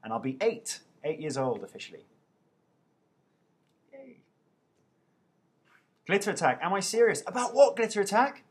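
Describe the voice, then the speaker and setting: An actor in his thirties, at home, reads viewers' questions into his webcam mic and answers them while teasing himself. His high, slightly rough voice has big pitch swings, a normal speed, and frequent pauses.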